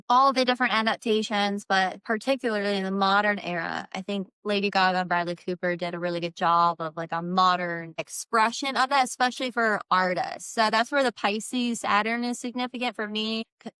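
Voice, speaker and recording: Bright, crisp-voiced woman rambling casually. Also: mid-range voice, no echo. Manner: informal, meandering, frequent "like" filler; earnest, spiritual new-age way of explaining. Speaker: candle maker presenting own work. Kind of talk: casual rambling product vlog.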